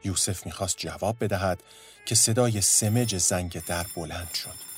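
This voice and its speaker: A man narrating a story in a steady, measured storytelling voice. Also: low voice, soft background music.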